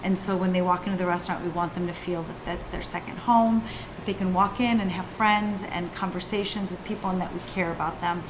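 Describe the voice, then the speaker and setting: A woman from the family that runs the company, explaining its values earnestly in an interview, with frequent "um" pauses. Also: on the low side, fairly even intonation, noisy background. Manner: earnest, uses "um" fillers. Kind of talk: interview answers.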